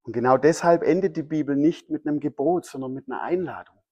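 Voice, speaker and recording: Male pastor, mid-high voice, emphatic sermon delivery with repetition. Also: fast talker, warm tone, breathy edge, muffled recording. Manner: emphatic, repeats key phrases.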